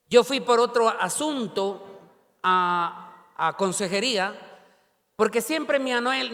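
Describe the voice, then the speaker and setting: A man preaches a sermon from a church pulpit, his voice pitched high. He keeps calling on the congregation to repeat his words back to him. The sound carries a long church-hall reverb. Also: a bit bright. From Ecuador. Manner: preaching with call-and-response prompts to the congregation. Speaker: pastor.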